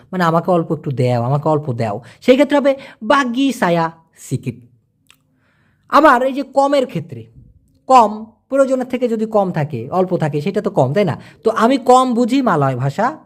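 Man, casual language lesson, animated pitch, repeats and quizzes. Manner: chatty, repeats words and asks the listener questions. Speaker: language teacher.

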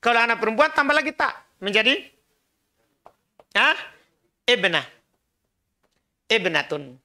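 A man's voice: extremely high pitch, very animated, unhurried, bright, forceful tone. A man teaching an Arabic class, patiently drilling pronunciation and having students repeat after him. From Indonesia. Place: small prayer room classroom.

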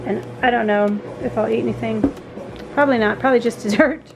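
A talkative woman in her forties recording a home vlog in her kitchen, her voice sitting a little high. She rambles from one aside to the next and laughs easily. A faint hum of household ambience runs underneath. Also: fairly even intonation, fast. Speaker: vlogger. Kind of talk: casual home vlog chat. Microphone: camera on the counter, sometimes handheld.

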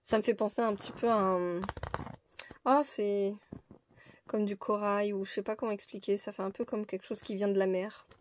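A woman's voice: mid-range voice, fairly even intonation, moderate pace, a little hiss or hum. A woman presenting a crafting haul in a casual, hesitant, chatty way with many fillers. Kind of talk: casual show-and-tell haul.

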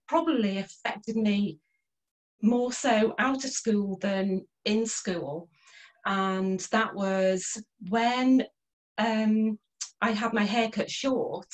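Talking slowly at a normal pitch, a middle-aged woman tells her own story as a guest on a casual video-call interview. She's a holistic therapist from North Wales, originally born in Liverpool, sitting in a small room at home, and her computer mic gives a rough recording.

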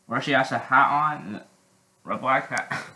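Halting teen boy, bright voice. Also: mid-range voice, echoey room, slight background noise, rough recording. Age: teens. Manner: halting, many restarts and frequent throat clearing. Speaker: vlogger. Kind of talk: casual vlog chat.

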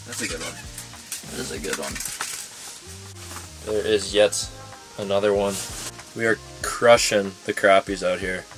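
A young man giving casual play-by-play while ice fishing, often murmuring quietly as he reels fish in, recorded inside an ice fishing shelter by a wide camera. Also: measured pace, pauses often, over music, poor audio. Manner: laid-back, often murmured low while reeling in fish. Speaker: fishing vlogger.

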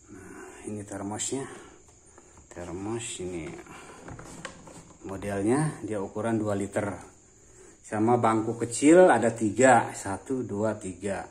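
A man's voice: lowish voice, a little mellow. A man from Banten, presenting prize items in a casual, itemizing walkthrough. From Banten, Indonesia. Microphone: handheld phone behind camera. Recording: noisy phone recording with room ambience.

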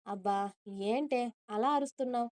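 A woman puts on a middle-aged mother-in-law who scolds and teases with fondness. The voice is mellow and smooth, somewhat high. It is captured dry and close. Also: normal speed, no echo, natural voice. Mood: scolding. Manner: teasing, scolding.

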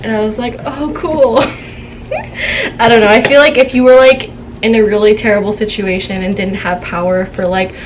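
A woman's voice: medium pitch, steady tone, normal speed. A young woman vlogger in casual haul chat at home, talking to a camera, chatty and giggly as she tells stories. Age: young adult. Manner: chatty, giggly, gossipy storytelling. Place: home room, indoors. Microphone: camera on a tripod, seated. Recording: noisy home room.

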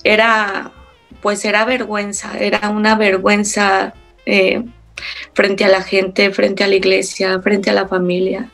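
A woman pastor giving a slow, earnest testimony in an interview, often pausing with fillers. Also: mid-range voice, monotone, gravelly, fairly bright tone, faint music behind.

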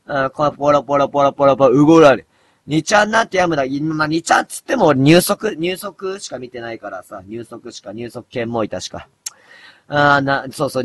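A man in his thirties chatting casually on a late-night live stream, mumbling low and then breaking into loud, rough outbursts. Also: no room sound. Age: 30s. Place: dim room at home.

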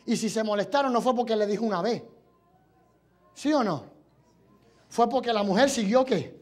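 High-voiced man preaching a fiery sermon. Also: moderate pace. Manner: builds from quiet talk to fervent shouting; switches between Spanish and English. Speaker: evangelist preacher. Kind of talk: impassioned sermon. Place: church service.

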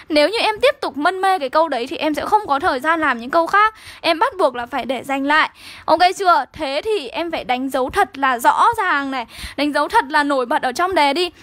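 A woman's voice: sits high, bright, forceful tone, dry recording. A young woman with a Northern Vietnamese accent teaching an online exam-review lesson, coaxing and keeping on checking in with her students. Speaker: literature teacher.

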